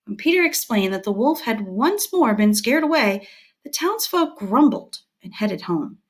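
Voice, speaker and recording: With a somewhat high voice, a woman teacher reads a scripted educational passage aloud in a clear, unhurried, and expressive manner.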